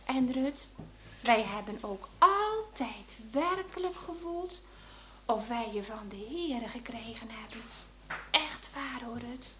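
A woman's voice: a little high, expressive, slow, background noise. Woman doing a comforting storybook mother. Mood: loving. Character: loving, comforting middle-aged mother.

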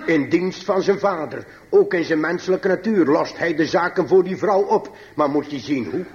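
A man preaching to his congregation, slow and emphatic, swinging between high pleading passages and low quiet asides. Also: highs cut off. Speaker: pastor. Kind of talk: sermon.

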